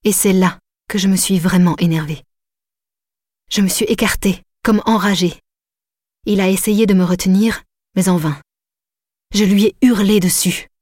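A woman narrating a novel in the first person, in an intimate, measured way. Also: medium pitch, steady tone, darkish tone, no room sound, clean studio sound. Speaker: audiobook narrator.

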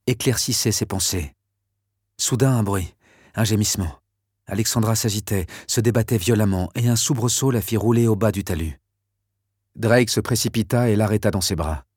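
A man narrating a novel in scripted, measured and steady storytelling. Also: lowish voice, husky, dry recording, studio quality. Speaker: audiobook narrator.

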